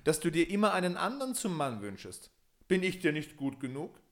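A man's voice: on the high side, very animated, brisk, fairly bright tone, pitched above the performer's own voice. Guy doing the poor minstrel from the fairy tale, plain, a bit reproachful. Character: ragged male beggar minstrel, gruff.

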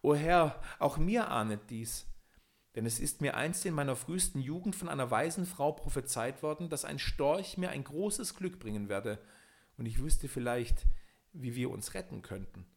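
A man's voice: mid-range voice, animated, normal speed, voice pushed up, close to an everyday voice. A man voicing a young enchanted owl princess in a fairy tale audiobook, speaking plaintively. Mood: confiding. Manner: plaintive, lamenting.

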